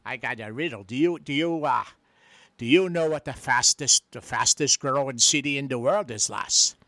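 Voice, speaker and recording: A man's voice: mid-range voice, normal speed, sharp tone, no echo. A man voicing a boisterous old Irish bagpiper who calls everyone lad and lass. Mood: flirty, joking. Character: jolly old Irish bagpiper man leading a marching band. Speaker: comic character on a radio show.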